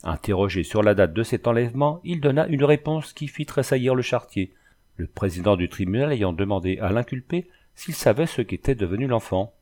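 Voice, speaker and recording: A man reading a classic novel aloud as scripted narration, in a measured, even storytelling delivery. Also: lowish voice. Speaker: audiobook reader.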